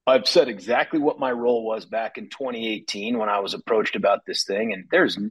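A man's voice: fairly low pitch, fairly quick, fairly bright tone, slightly rough, poor audio. A man appearing as a candidate on a talk radio show, explaining himself animatedly and laughing at times. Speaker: political candidate guest.

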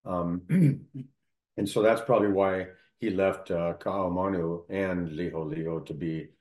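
A man in casual conversation, telling local history at length, halting often with fillers and restarts. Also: deep voice, steady tone, darkish tone, echoey room.

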